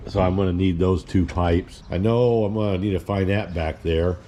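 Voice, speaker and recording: Low-voiced man rambling through car repairs. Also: steady tone, normal speed, warm tone, slight background noise. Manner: rambling, plain-spoken, many fillers and restarts. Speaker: hobby mechanic and channel host. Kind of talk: casual narration while working on a car. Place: home garage.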